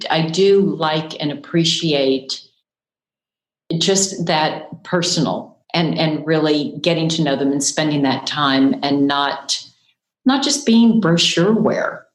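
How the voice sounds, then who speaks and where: A woman with a fairly low voice co-hosts a casual chat, agreeing warmly and jumping in with quick enthusiasm. Her voice carries a noticeable echo from the room. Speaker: regular co-host.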